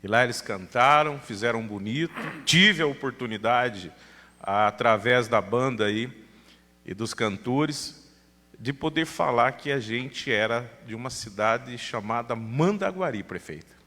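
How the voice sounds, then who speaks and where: A man's voice: medium pitch, unhurried, sharp tone. A man with a Brazilian accent from Paraná, a city councilor giving an emphatic formal speech at a public hearing. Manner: emphatic, thanks dignitaries at length. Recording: reverberant council chamber PA.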